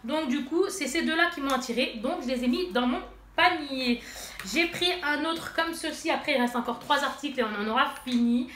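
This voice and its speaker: A beauty vlogger speaks at normal speed in a high-pitched, slightly bright voice, her nose stuffy from allergies. She casually shows and swatches makeup, talking directly to her viewers and using lots of fillers. The recording carries room echo and faint noise.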